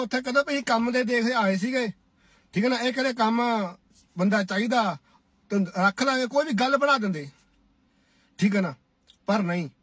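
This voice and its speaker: A man's voice: very high voice, fairly bright tone, no echo. A man from India giving a preachy, scolding duet commentary, often asking his listeners "right?". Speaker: social media commentator. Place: Cyprus.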